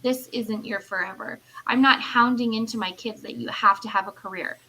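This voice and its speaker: Meet a woman in her late thirties whose voice is bright and forward. She talks in a casual, earnest ramble full of "like" and "you know." A faint hiss sits under the recording. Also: a little high, steady tone, moderate pace, low-quality recording. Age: 30s. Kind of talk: casual chat.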